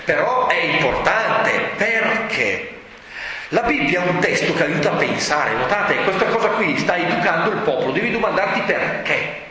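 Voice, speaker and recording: A man preaching an animated, rhetorical sermon, often shouting for emphasis. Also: a little high, normal speed, slight background noise. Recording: echoey hall, faint ambience.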